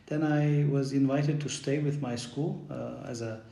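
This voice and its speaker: Middle-aged guy from bulgaria, prof on a podcast, dark soft voice, lots of uhs. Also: medium pitch, steady tone, unhurried, vocal fry, echoey room. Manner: hesitant, many fillers and restarts. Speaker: university professor, guest. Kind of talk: podcast interview.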